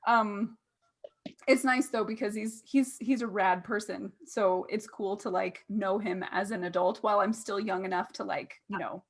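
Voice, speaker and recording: A woman's voice: mid-range voice, steady tone, normal speed. A woman in her thirties hosting a casual interview, chatty and laughing, with many "like"s. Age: 30s. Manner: chatty, laughing, uses "like" often. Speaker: interview host.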